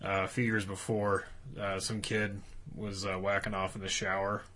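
A man's voice: low voice, little pitch movement, normal speed, sharp tone, a little hiss or hum. A man on a casual comedy podcast, telling a story and using lots of filler words.

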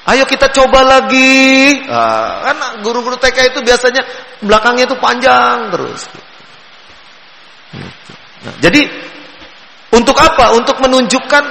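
A man giving a gentle sermon on raising children, repeating key phrases and drawing out his tones. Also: very high-pitched, gravelly. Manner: gentle, repetitive teaching with drawn-out tones. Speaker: Islamic preacher. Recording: echoey hall with long reverb.

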